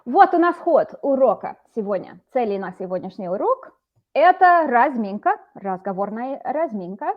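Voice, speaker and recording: Higher-voiced woman teaching a lesson. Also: sing-song, muffled recording. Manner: patient, slows down to explain words. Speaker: Russian teacher. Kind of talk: online language lesson.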